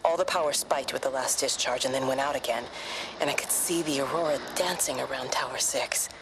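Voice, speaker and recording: A woman voicing a troubled scientist recounting hallucinations in a game audio log, hushed and breathy. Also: very deep voice, fairly quick, noisy background.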